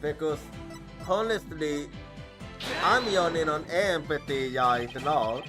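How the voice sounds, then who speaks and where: Game music plays behind a man streaming his gameplay, his voice fairly high and his pace slow. It's casual commentary, with him thinking aloud and musing to himself as he goes.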